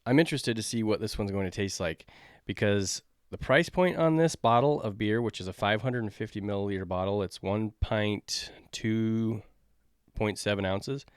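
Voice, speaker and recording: A man's voice: lowish voice, moderate pace, clean tone, no echo, clean studio sound. A man hosting a beer review podcast, talking in a loose, rambling, jokey way.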